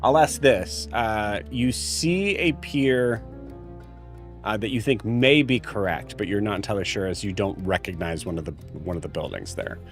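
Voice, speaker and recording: A man narrating a tabletop game as game master, casual and halting as he searches for words. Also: lowish voice. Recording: music playing behind.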